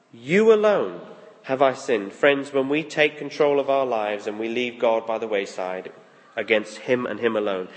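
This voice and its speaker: A man leading a church service as pastor, praying softly and slowly with long pauses, then reading scripture aloud with rising emphasis. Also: mid-range voice. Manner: slow, soft prayer with long pauses. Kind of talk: prayerful sermon. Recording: long hall reverb.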